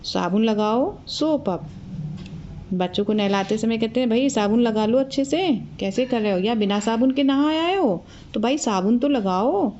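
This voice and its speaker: A woman with an Indian accent talks slowly and with care, drilling everyday English phrases. Her voice sits a little high, and each English line comes twice after the Hindi one. The audio is slightly dull and lo-fi. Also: animated, dark tone, a little hiss or hum. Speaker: English teacher. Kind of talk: slow, repetitive spoken English lesson.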